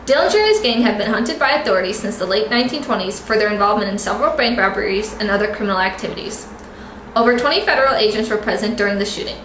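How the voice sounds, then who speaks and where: In a mock 1930s newscast, a woman reporter reads a scripted report in a mid-range, slightly bright voice, expressive and rapid-fire. The room is echoey, with clear noise.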